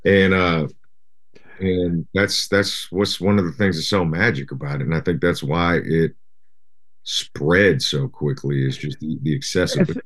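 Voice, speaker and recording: A middle-aged man from Japan, a guest rapper, chatting in an interview in a relaxed, rambling way full of "you know". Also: deep voice, unhurried. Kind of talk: casual interview chat.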